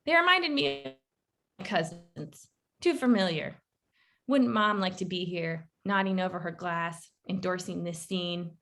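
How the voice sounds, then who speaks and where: A woman author reading her own short story aloud in a measured, wry first-person narration. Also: fairly low pitch, lively intonation, fairly bright tone.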